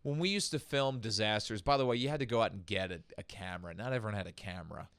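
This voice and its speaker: A man in his thirties from Long Island, co-hosting a comedy podcast with animated, ranting chatter that keeps asking "okay?". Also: fairly low pitch, fast talker, smooth, no echo. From Long Island, New York. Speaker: podcast co-host. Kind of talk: casual comedic chat.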